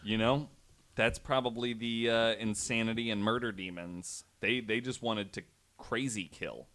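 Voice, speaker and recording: A man with a fairly low, fairly bright voice tells a story as a podcast panelist. He speaks casually and conversationally in a steady tone, his phrasing hesitant and halting as he works from notes.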